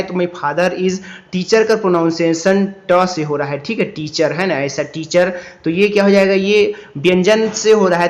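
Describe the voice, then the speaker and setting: A man with a Chhattisgarhi Hindi accent, working through exam answers as a coaching teacher. He keeps adding "है ना" and "ठीक है" and reads English questions slowly. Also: high voice. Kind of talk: exam answer walkthrough lesson.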